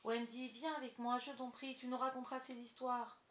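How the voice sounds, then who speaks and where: A woman's voice: medium pitch, a little fast, close to an everyday voice. A woman voicing a cocky, wheedling boy who never grows up, in a roomy recording. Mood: coaxing. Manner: boastful, wheedling. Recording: roomy echo.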